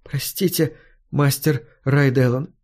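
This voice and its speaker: A man voicing a young woman, a gentle storyteller and singer who speaks softly. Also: a little high, normal speed, close to an everyday voice. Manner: soft, embarrassed.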